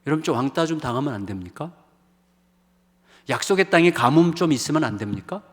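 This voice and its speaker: A middle-aged male pastor preaching a revival sermon with emphasis, rising to exclamations and dropping to hushed asides. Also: on the high side, lively intonation, fairly quick. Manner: emphatic, swings between raised exclamations and hushed asides, acts out quoted voices. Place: church sanctuary. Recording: long reverb of a church hall.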